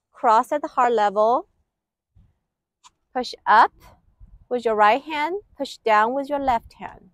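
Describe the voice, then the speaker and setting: A woman with a high voice leads an exercise class as its instructor. She gives one short, clipped direction at a time at a slow pace. The sound is close and dry. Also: a bit bright, no room sound. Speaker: qigong instructor. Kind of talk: exercise instruction, step-by-step cues. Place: outdoor lakeside paved terrace.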